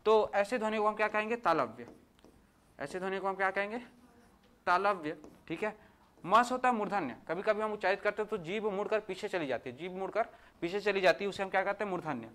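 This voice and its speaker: A man's voice: sits high, animated, fairly bright tone. Man drilling letters as a teacher. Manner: asks questions and answers them himself, drilling by repetition; sounds out letters slowly one by one. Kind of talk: exam-prep Hindi grammar lesson.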